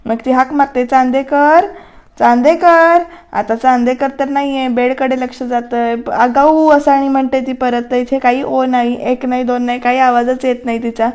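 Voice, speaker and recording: A woman's voice: high-pitched, little pitch movement, normal speed, hardly any pauses, a little mellow. A woman giving a chatty, casual voice-over recap of a TV serial, turning often to her viewers. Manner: chatty, talks straight to viewers. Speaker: TV serial reviewer. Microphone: voice-over mic.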